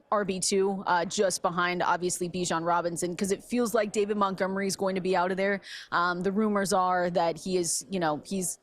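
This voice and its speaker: A woman co-hosting a fantasy football radio show, chatting in a lively, teasing way. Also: on the low side. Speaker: radio co-host. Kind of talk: casual sports radio chat.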